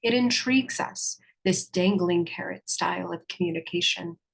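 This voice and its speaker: A young woman reading a scripted mock-academic lecture as a student presenter, in a deliberate, formal, contemplative manner with earnest seriousness. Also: on the low side, creaky, husky, poor audio.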